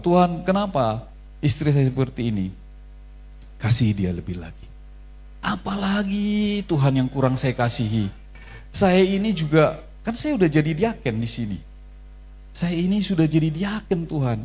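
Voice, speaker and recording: A middle-aged man preaching a sermon as a pastor, telling stories and putting on quick voices for the people in them. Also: mid-range voice. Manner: storytelling sermon with lively voiced asides.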